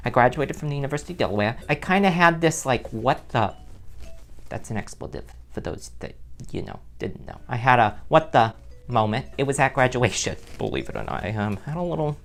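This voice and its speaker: A very low-voiced, sassy middle-aged nun, as a woman plays her, rambling in a comic vlog. She swings her pitch widely, tumbling from one self-interrupting aside to the next. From New Jersey. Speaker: vlog host. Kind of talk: comedic character vlog.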